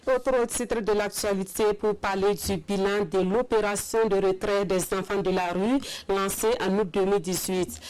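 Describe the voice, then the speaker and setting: A woman presenting a television news bulletin in a crisp, formal way. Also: mid-range voice, a little mellow, poor audio. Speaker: news anchor.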